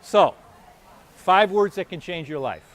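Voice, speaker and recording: A man giving a live self-help talk at an expo, conversational and animated, acting out his own inner voice. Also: sits high, a little slow. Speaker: motivational speaker. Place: expo hall or venue.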